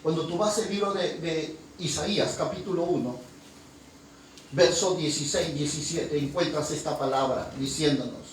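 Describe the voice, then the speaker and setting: A man's voice: a little high, normal speed. A man preaching a sermon as pastor, impassioned, quizzing his congregation with call-and-response questions. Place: church hall. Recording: very echoey hall, voice from far off, faint noise.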